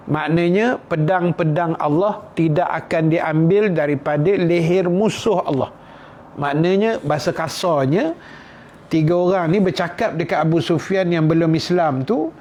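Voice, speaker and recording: A man's voice: on the high side, a little mellow, a little hiss or hum. A man with a Malaysian Malay accent giving a conversational religious lecture as a teacher. He asks his listeners questions and retells the quotes he reads in casual everyday speech.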